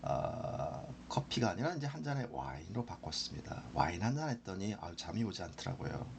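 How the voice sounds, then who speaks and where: A man teaching English as a lesson, explaining slowly and repeating phrases for drilling. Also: low voice, sing-song, vocal fry, a little hiss or hum.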